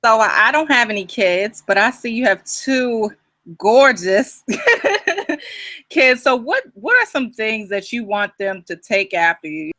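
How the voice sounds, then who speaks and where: A woman's voice: fairly high pitch, big pitch swings, measured pace, pushed and bright, no room sound. A woman hosting an interview, speaking with enthusiastic energy. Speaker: interview host. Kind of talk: interview host.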